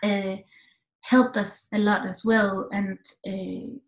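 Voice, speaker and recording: This is a middle-aged woman from Denmark, a film director fielding questions in an online film talk via video call. Her medium-pitched voice shows little pitch movement and comes out slowly, thoughtful and packed with restarts and fillers. The sound is reverberant, recorded on a computer mic in a home room with echo.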